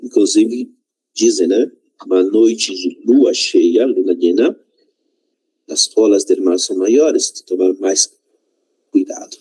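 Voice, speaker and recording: A man's voice: deep voice, slow pace, pauses often, dark tone, slightly rough, rough recording. A man whose first language is Spanish, teaching a Portuguese lesson and often slipping Spanish words in, checking in with "né?" and "tá?".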